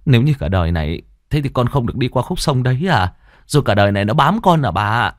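A man's voice: medium pitch, sing-song, fast, no echo, studio quality, natural voice. A man voicing a terrified young man who stammers in panic. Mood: frightened.

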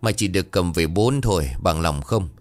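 A man's voice: sits low, expressive, a little fast. A man voicing a greedy, harsh old village money-lender who talks down to the poor in a scornful, threatening way. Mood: domineering.

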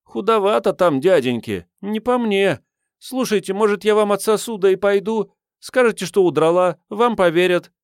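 A scruffy homeless teenage girl, as a male audiobook reader puts her on, high and cheeky. She talks in brash street slang and never seems bothered. The sound is close and dry. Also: expressive, moderate pace, clear, resonant tone, no room sound. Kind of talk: audiobook reading.

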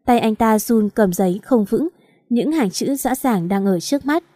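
A woman narrating a romance novel with steady, dramatic storytelling. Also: fairly high pitch, moderate pace, dry recording, studio quality.

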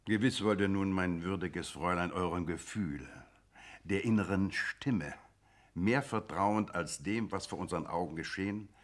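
A man playing an authoritative high magistrate in a radio drama, speaking with measured, courtly formality. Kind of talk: German literary radio drama.

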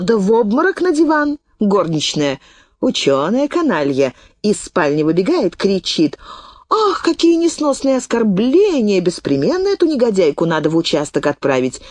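A chatty old woman peddler spins her tale in plain common speech, full of folksy turns, voiced by a woman reading the book. Her voice sits a little low but swings widely in pitch. It is recorded dry and close. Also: no room sound. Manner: folksy storytelling, lively and indignant. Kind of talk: audiobook reading.

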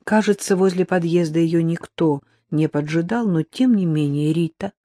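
A man reading a crime novel aloud as narrator, in a steady storytelling manner. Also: a little high, moderate pace, no echo, studio quality. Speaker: audiobook narrator. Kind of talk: scripted narration.

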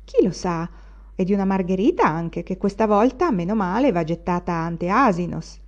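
A woman reading the part of a cynical, sneering young male student, a little louder than her narration. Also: fairly low pitch, expressive, moderate pace, dull audio, close to an everyday voice. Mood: mocking. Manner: sneering, jeering.

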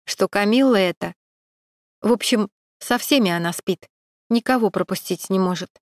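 A woman's voice: medium pitch, moderate pace, dry recording, natural voice. A woman reading the part of a divorced woman who frankly and ruefully confides a husband's betrayal, in a dry close recording. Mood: bitter. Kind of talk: audiobook dialogue.

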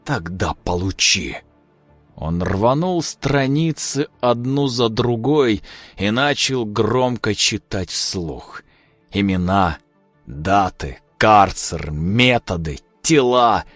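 Slow, low-voiced male horror narrator. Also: lively intonation, dry recording, soft background music. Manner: measured, dramatic storytelling. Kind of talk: dramatic audiobook narration.

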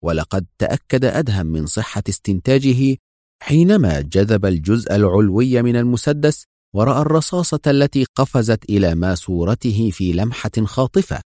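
A man narrating an adventure novel in a measured, storytelling manner. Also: fairly low pitch, mellow, dry recording, studio quality. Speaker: audiobook narrator.

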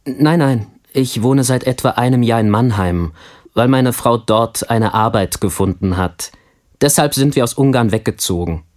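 A man playing a friendly young family man in a language course, answering interview questions in a scripted textbook dialogue with calm, clear speech. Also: mid-range voice, normal speed, natural voice. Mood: friendly, relaxed.

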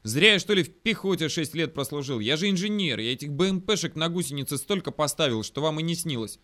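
A hot-headed army captain, put on by a male audiobook reader, barking and ranting at a rushed clip. His voice is raised high above the reader's own, loud and bright. It sounds like an audiobook. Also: lively intonation. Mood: boastful. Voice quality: yelling, rapid-fire.

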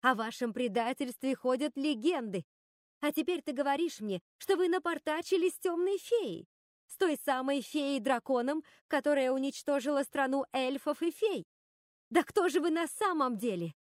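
A woman's voice: fairly high pitch, moderate pace, no room sound, studio quality, lightly acted. A woman voicing Gothel, a hurt and angry witch who accuses her sisters. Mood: furious. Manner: pleading, accusing, tearful.

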